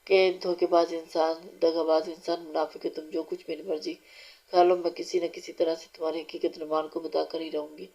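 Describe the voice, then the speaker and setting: A woman's voice: sits low, little pitch movement, dark tone. Woman reading as an angry, tearful young wife. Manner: accusing, indignant. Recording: dull lo-fi recording.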